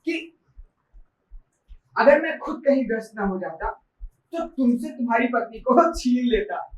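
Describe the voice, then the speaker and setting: A woman's voice: on the high side, lively intonation, unhurried. A woman playing a teasing, good-humoured husband in a stage play, who quotes lofty praise with mock grandeur. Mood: playful. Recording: roomy hall from far off.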